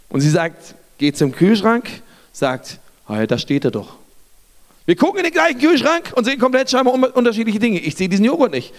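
A young man preaching a sermon, telling a Bible story with lively asides and acting out the characters' lines, speaking straight to his listeners. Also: extremely high pitch, in a large hall.

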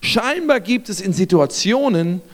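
A young man with a fairly high voice preaches a sermon. He talks to his listeners in a casual, direct way and tells the story with lively asides, acting out the characters as he goes. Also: unhurried, big-room sound. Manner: speaks straight to the listener, conversational.

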